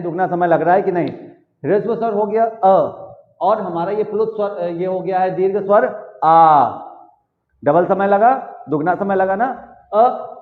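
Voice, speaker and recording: A man teaching a Hindi lesson to children, stretching out vowels and answering his own questions. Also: high voice. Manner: drawn-out vowels and rhetorical questions he answers himself. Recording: echoey room, phone-like narrow sound.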